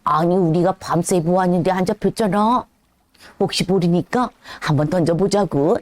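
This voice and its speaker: Woman putting on a weary doubtful fisherman, grumbling, low, children's Bible story. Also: moderate pace, darkish tone, no echo, lightly acted. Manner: tired grumbling. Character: weary, doubtful grown male fisherman disciple.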